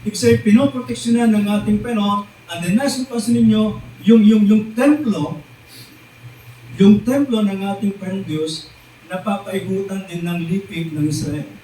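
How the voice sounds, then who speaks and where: A man's voice: sits high, steady tone, mellow, slight background noise. A man with a Filipino accent preaching a sermon, mixing English scripture with Tagalog and calling the congregation brothers and sisters. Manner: drawn-out, emphatic quoting of lines. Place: church hall. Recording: echoey church hall recorded from a distance.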